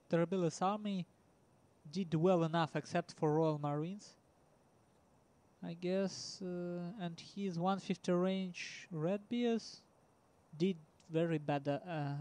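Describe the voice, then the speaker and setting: An esports commentator with a Russian accent casually calls a strategy game match in a high voice with a darkish tone. His delivery is halting, full of ums and uhs and punctuated by small laughs.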